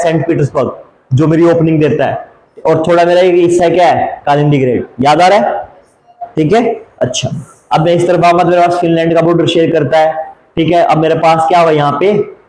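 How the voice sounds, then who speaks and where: A man's voice: fairly high pitch, darkish tone, reverberant, rough recording. A man teaching geography from a map, asking rhetorical questions, drawling and repeating place names, and mixing in English phrases. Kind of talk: map lesson for exam students.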